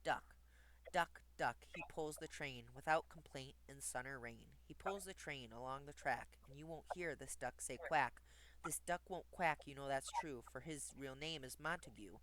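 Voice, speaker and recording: Bright-voiced man reading sing-song rhymes. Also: mid-range voice, moderate pace, rough recording. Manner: sing-song rhythmic reading with lively emphasis. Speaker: streamer reading bedtime stories. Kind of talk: reading rhymed children's verse aloud. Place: home streaming setup.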